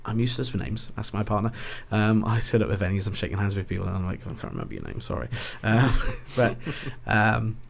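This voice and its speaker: A man's voice: on the low side, steady tone, fairly quick, vocal fry, few pauses. A man with a South Wales Valleys accent chatting casually in an interview, rambling and correcting himself as he goes. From Ebbw Vale, South Wales. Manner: hesitant, rambling, self-correcting. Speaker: boxing ring announcer, podcast guest.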